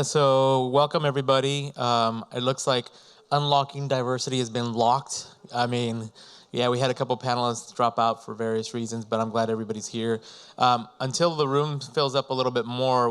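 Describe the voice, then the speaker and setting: Relaxed man co-moderating a panel. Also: mid-range voice, moderate pace, clear, resonant tone. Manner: relaxed, informal, joking. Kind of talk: casual conference moderating.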